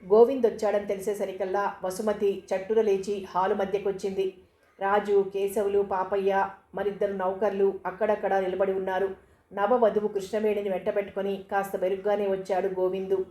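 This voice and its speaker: A woman's voice: medium pitch, flat delivery, moderate pace, dark tone, echoey room. A woman narrating a novel, acting out the characters' lines as she reads. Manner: voices the dialogue of the characters. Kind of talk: novel reading.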